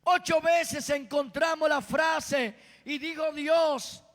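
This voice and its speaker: A man preaching a sermon from a pulpit microphone in church, emphatic and often breaking into shouts. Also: extremely high pitch, fairly even intonation, slow pace, big-room sound.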